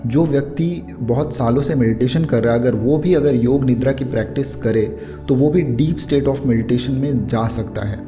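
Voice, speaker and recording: A man with an Indian accent giving an explanatory meditation lesson in a soothing, unhurried yoga-teacher manner. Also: mid-range voice. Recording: clear music bed under the voice. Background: music.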